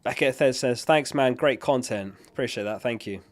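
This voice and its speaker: A man speaks at normal speed in a mid-range voice, hosting a livestream in a casual chat. He reads and answers viewer questions matter-of-factly, though his voice is giving out because he's unwell. He's miked with a close dynamic studio microphone.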